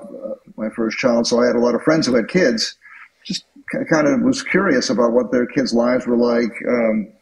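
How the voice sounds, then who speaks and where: A man in his fifties talks as a guest in a podcast interview. He reflects aloud, pausing with ums and restarting his sentences before he drives a point home with emphasis. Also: medium pitch, a little mellow, low-quality recording. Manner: hesitant, many ums and restarts, then emphatic. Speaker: author and guest. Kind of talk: conversational interview.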